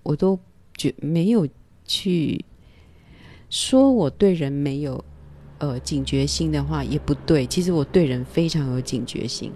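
A woman, telling a personal story at home in a calm, hesitant way with many pauses and fillers. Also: low voice. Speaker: vlogger.

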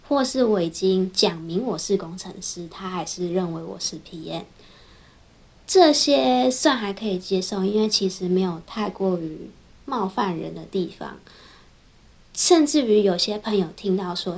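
A young woman engineer, telling her own workplace stories in a casual, chatty vlog, linking her thoughts with a steady run of "and then". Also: mid-range voice. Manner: chatty, strings thoughts together with frequent "then". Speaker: software engineer. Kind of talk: casual personal vlog storytelling.

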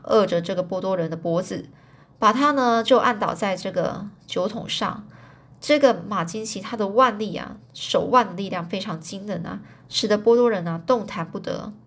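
A woman casually retelling a story, chatty, pausing to explain hard words, with many fillers. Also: mid-range voice.

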